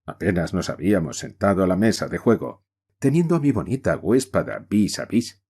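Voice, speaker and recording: Husky man reading an audiobook. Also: deep voice, normal speed. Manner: expressive storytelling reading. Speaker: audiobook narrator. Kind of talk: audiobook narration.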